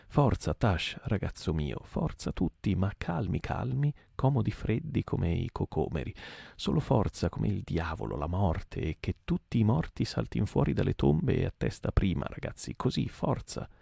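A man voicing a jolly pipe-smoking whaling mate who shouts encouragement at his rowers. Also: deep voice, big pitch swings, moderate pace, vocal fry, breathy edge, dry recording, clean studio sound, full character voice. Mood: rallying.

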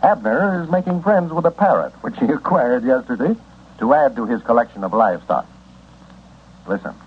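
Old-time radio announcer, man, husky voice, lively sing-song delivery, folksy pitch, scratchy thin broadcast sound. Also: moderate pace, phone-quality sound. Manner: folksy, upbeat sales pitch. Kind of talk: scripted old-time radio sponsor read and narration.

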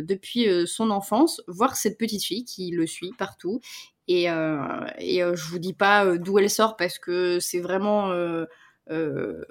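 A woman co-hosting a podcast, talking casually about a TV series with many fillers and restarts. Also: lowish voice. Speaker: podcast co-host reviewing series. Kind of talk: casual chat.

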